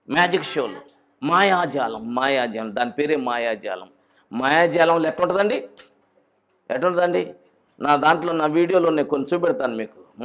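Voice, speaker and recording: A man preaching a sermon, moving between loud urgent exhortation and low, intense warnings. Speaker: pastor.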